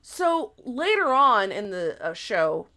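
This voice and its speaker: A woman podcast co-host in casual chat, retelling a story in an animated, gossipy way, full of "like" and casual swearing. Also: medium pitch, takes it slowly.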